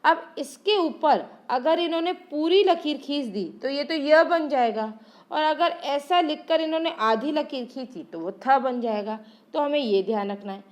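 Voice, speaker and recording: Lively, high-voiced woman teacher. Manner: asks rhetorical questions and answers them herself; drawn-out, sung examples when calling out sounds. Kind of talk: exam-prep lesson.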